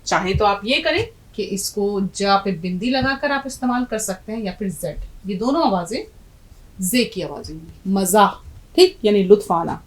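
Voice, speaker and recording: A woman's voice: medium pitch, animated, low-quality recording. A middle-aged woman teaching a language lesson, patiently explaining letters and quizzing her students. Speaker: Urdu teacher.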